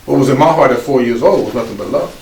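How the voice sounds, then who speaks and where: A man in his fifties from the United States, a guest speaker telling his life story in an animated way, laughing and acting out voices. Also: medium pitch, quick pace, a little hiss or hum. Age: 50s. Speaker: guest speaker, former pro football player. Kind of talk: personal life story told to an audience. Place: office room. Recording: echoey room, distant mic, faint ambience.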